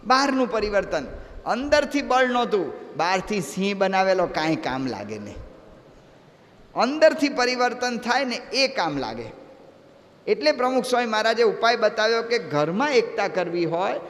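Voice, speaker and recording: A monk preaching a sermon, telling a parable in a lively, repetitive storytelling manner. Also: male voice, high-pitched, moderate pace, big-room sound. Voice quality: lively, repetitive storyteller who acts out voices.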